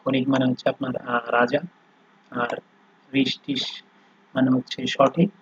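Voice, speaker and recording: A man teaching German pronunciation in an online class, explaining slowly and patiently with frequent fillers. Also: mid-range voice, little pitch movement, dull audio, noisy background.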